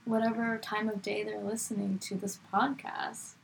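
A young adult woman, a guest on a casual podcast chat, animated and laughing easily. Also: medium pitch, moderate pace, vocal fry, background noise.

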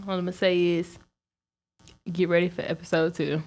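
A young woman, co-hosting a podcast, telling a story in an animated, profane way and laughing often. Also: on the low side, fairly quick. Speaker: podcast co-host. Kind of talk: casual storytelling chat.

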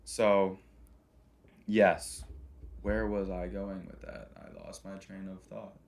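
A man's voice: low-pitched, steady tone, slow pace, gravelly, a little mellow. A young adult man co-hosting a casual podcast in a garage, talking in an informal, bro-ish way. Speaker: podcast co-host.

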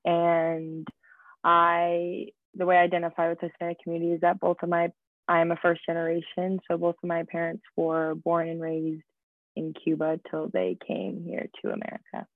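A woman's voice: on the low side, steady tone, moderate pace, dry recording. A young woman student athlete talking casually in a rambling way, full of fillers. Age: young adult. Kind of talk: casual discussion. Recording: tinny phone-like line.

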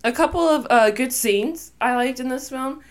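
A woman's voice: high voice, normal speed. A woman co-hosting a casual podcast, chatting about films, often stumbling over names, apologizing and laughing. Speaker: podcast co-host. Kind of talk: casual chat.

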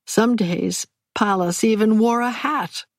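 A woman giving measured, wry first-person audiobook narration. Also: a little high, dry recording, studio quality.

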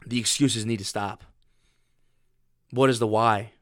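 A man's voice: fairly low pitch, fairly even intonation, unhurried, dry recording, studio quality. Blunt, profane male motivational speaker. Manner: blunt, profane, pushy, repeats himself. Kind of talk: profane motivational pep talk.

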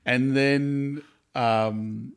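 A man's voice: medium pitch, fairly even intonation, very slow, clean tone. An Australian man from Tasmania, around his forties, a guest in an interview who tells his own stories chattily and with self-deprecating laughs. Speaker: campus ministry worker, guest. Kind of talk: casual interview storytelling.

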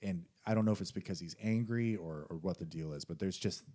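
A man's voice: low-pitched, fast, mellow. A man talking casually and enthusiastically about music, rambling with frequent restarts.

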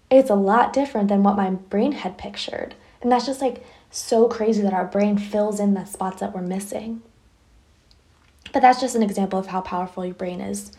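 A woman's voice: medium pitch, fairly even intonation, normal speed, warm tone. A young woman hosting a podcast, telling a candid personal story in a chatty way full of fillers. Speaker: podcast host.

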